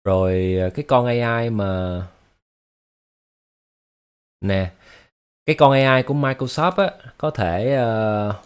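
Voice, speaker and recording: A man's voice: medium pitch, slow pace, pauses often, smooth. A man hosting a casual livestream, talking to his viewers in an explanatory way, with lots of fillers and repeated words. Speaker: livestream host.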